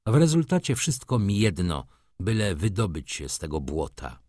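A man's voice: low voice, big pitch swings, normal speed, a little mellow, no room sound, clean studio sound. A man voicing a cold, brooding merchant. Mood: cold bitter. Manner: restrained, cool, bitter. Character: brooding middle-aged merchant, cold and bitter. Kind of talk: audiobook character reading.

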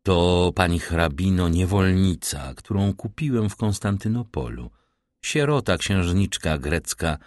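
A man voicing a reserved, melancholy nobleman who gives low, measured replies. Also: lively intonation, dry recording, studio quality. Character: grave, reserved nobleman count, middle-aged man.

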